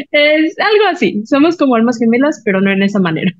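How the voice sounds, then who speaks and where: A woman's voice: a little high, moderate pace, no room sound, highs cut off. Emotional woman telling her story. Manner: emotional, animated storytelling with lively retold quotes. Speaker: podcast guest. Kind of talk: personal testimony in casual conversation.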